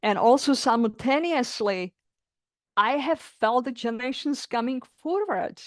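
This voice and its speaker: A woman's voice: on the high side, lively intonation, unhurried, no room sound, clean studio sound. A middle-aged woman from the Republic, earnestly sharing a personal experience in heartfelt, searching words. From Czech Republic. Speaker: coaching client. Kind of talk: reflective personal testimony.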